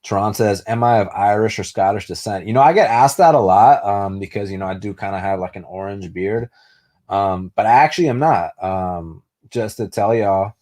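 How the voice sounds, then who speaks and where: His voice lowish and a bit mellow at a moderate pace, a young live-stream host casually tackles comments from viewers, profane and loose, with lots of fillers and restarts. Spanish was his first language, and he was raised in the United States.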